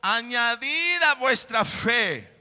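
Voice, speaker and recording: High, bright pastor preaching. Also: male voice, expressive, slow pace, big-room sound. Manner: emphatic preaching with repeated phrases. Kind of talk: sermon. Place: church.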